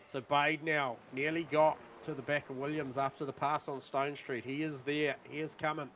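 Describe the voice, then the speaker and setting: A man doing live sim racing commentary, calling out lap times and battles on track, rising in excitement at overtakes. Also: a little high, normal speed, a little hiss or hum.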